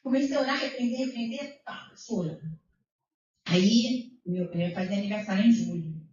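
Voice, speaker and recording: A woman's voice: mid-range voice, moderate pace, a little mellow, slight background noise. A middle-aged woman giving an emotional testimony in church, retelling conversations and exclaiming praise. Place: church hall. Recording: roomy echo, distant mic, dull sound.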